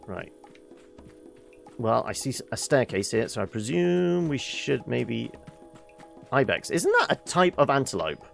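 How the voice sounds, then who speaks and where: A gamer talks through play in a casual, muttering way. The voice has plenty of creak and a widely swinging pitch, shifting between commentary and reading dialogue aloud. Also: sing-song, a little slow, pauses often, faint music behind.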